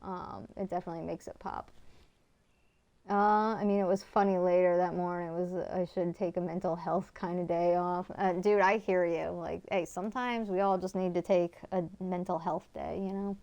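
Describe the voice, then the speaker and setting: This woman, who has a Connecticut accent, streams a game and chats with viewers in a chatty way, answering chat with many fillers. Her voice is lowish and a little mellow, fairly even in intonation, at a moderate pace, and the recording sounds muffled.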